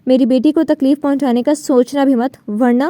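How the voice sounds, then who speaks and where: Brief: woman reader as a pleading older father, audiobook, high voice. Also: fairly even intonation, dark tone, dry recording, close to an everyday voice. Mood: warning. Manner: pleading, begging. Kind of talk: audiobook novel reading.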